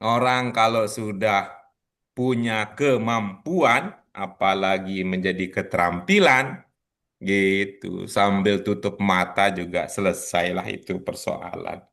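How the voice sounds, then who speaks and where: A man's voice: on the low side, slow pace, fairly bright tone. A man teaching an online class in a casual, chatty way, teasing his students and laughing often. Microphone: video call.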